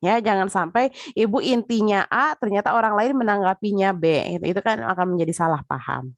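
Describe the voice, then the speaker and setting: A woman's voice: medium pitch, a little fast, no echo. A woman giving a casual spoken lecture, chatty, with frequent filler tags, talking straight to her listeners.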